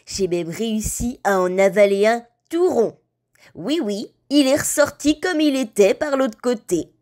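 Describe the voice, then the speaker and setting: A woman puts on a cheeky male bulldog who drawls his way through a comic voice-over, slow and sarcastic, and pitched a little high. He teases and insults his owner as he goes. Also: a little mellow. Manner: slow, sarcastic, teasing commentary.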